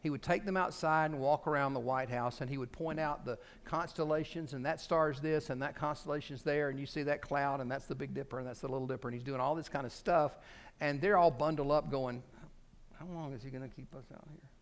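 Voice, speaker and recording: A man preaching a sermon, swinging between loud emphasis and quiet asides and acting out quoted speech. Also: on the high side, steady tone, fairly quick. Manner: acts out quoted speech in his telling. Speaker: pastor.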